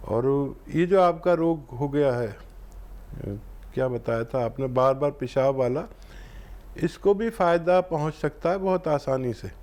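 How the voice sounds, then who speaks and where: A man with a fairly high voice hosts a call-in remedies show. He talks in an unhurried, reassuring way, spelling out doses and steps like a patient advisor. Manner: calm, reassuring, instructive. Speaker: herbal remedy expert answering callers. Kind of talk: phone-in advice show.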